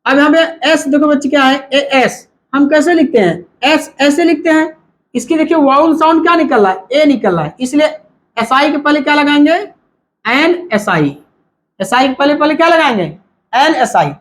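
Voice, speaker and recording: A man's voice: extremely high pitch, animated, normal speed, fairly bright tone. A male teacher giving a whiteboard grammar lesson, asking and answering his own questions and mixing Hindi with English terms.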